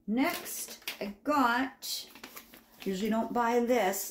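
A home vlogger in her fifties stands in her kitchen going over her grocery haul, talking casually to the camera while she rambles and repeats things. Her voice sits on the high side, and a little hiss or hum runs under the indoor recording.

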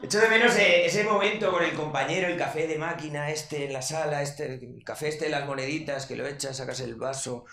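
A man's voice: a little high, fairly even intonation, brisk, gravelly, hardly any pauses, faint music behind. A man in his thirties with a Spanish accent doing a brash, crude stand-up comedy monologue, acting out quotes in put-on voices. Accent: Spanish from Spain. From Spain. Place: comedy club stage. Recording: echoey club with loud background noise.

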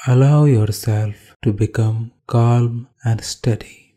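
A yoga instructor with an Indian accent guides a meditation, his medium-pitched voice calmly delivering brief instructions with pauses between phrases.

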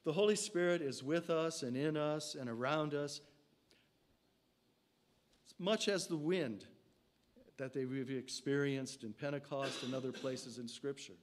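An older man preaching a sermon at a lectern in a church sanctuary, speaking into a stand mic in slow, measured phrases that fall away at the end of each line. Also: medium pitch.

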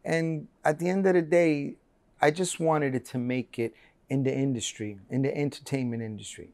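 In a bright room with large windows, a man in his forties from Colombia sits as an interview guest, earnestly telling his life story with plenty of fillers and restarts. His lapel mic picks up a steady, medium-pitched, slightly mellow voice at a moderate pace. There's no room sound.

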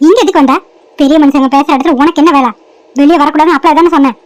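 A middle-aged stepmother scolds in a high, sharp voice, played by a woman. She nags without letup, cartoon-dub style. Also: fairly even intonation, racing, dry recording, natural voice. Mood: scolding.

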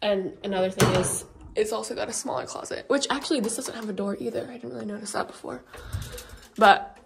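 A woman's voice: mid-range voice, fairly quick, vocal fry, noisy background. A young woman chatting casually as she walks through an empty house, filming a tour vlog with frequent ums and likes. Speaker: vlogger.

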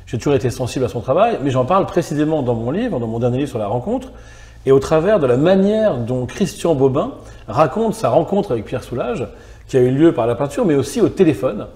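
Fairly quick and lively in intonation, this mellow, medium-pitched male voice belongs to a middle-aged philosopher guest. He thinks aloud during a reflective conversational interview in a small gallery salon, developing ideas thoughtfully in long clauses.

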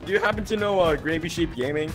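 A man in casual game voice chat, excitable and puzzled, calling everyone bro. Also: a little high, quick pace, music in the background. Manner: excitable, says bro a lot. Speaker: gamer.

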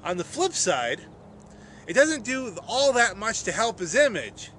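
A middle-aged vlogger delivers emphatic, conversational sports commentary to a camera a short distance away in an open grassy field. His voice is high and a bit bright, a little slow, with big pitch swings, and the outdoor camera audio carries noise.

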